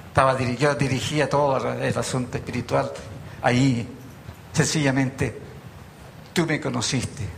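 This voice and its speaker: A Chilean man preaching a sermon at a church meeting, telling stories with gentle humor and asking rhetorical questions. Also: mid-range voice, vocal fry, slight background noise. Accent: Chilean Spanish.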